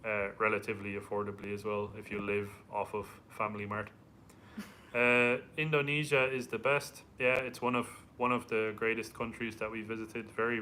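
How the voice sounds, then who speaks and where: A man's voice: fairly low pitch, sharp tone, a little hiss or hum. A thirty-year-old man with an Irish accent, chatting casually as a live stream host and reading out viewer comments. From Ireland. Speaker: travel vlogger co-hosting a live Q&A.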